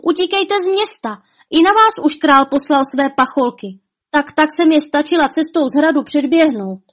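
A woman voicing a young princess's maid who talks in a high, urgent, distressed way, in a storybook reading. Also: expressive. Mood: alarmed.

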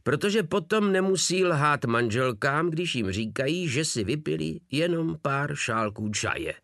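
A man plays a loud, swaggering soldier who mocks everyone around him. He speaks in a coarse, raised voice that swings up and down a lot. The sound is dry and close. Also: on the high side, lively intonation, vocal fry, no echo, pitched above the performer's own voice. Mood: mocking. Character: brash crude rowdy soldier.

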